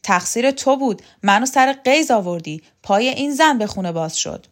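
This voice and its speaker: A woman reading an audiobook, voicing a domineering, scornful woman who taunts and threatens loudly. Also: mid-range voice, close to an everyday voice. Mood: angry. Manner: loud, sharp, taunting. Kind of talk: audiobook character voice.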